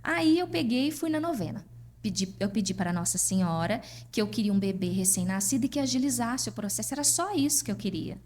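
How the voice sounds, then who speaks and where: A Brazilian woman, a podcast guest, telling a personal story in a lively way and acting out what people said. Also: medium pitch, fast talker, slight background noise. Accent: Brazilian Portuguese. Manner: lively, acts out dialogue in her stories. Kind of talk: personal storytelling in casual chat.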